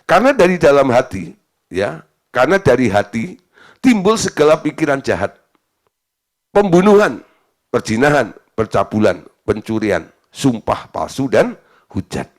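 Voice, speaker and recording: A man's voice: mid-range voice, unhurried, pauses often. Indonesian pastor guy preaching, chatty storyteller, voice jumps up and down a lot. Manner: animated, chatty storytelling with frequent laughs. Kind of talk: sermon with storytelling.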